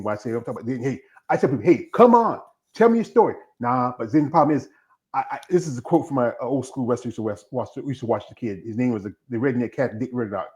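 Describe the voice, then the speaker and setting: A man's voice: mid-range voice, a little mellow. A man in his fifties talks casually as host of a live stream. He rambles, circles back, and leaps from one tangent to another in an easy, conversational flow. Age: 50s. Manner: rambling, jumps between tangents.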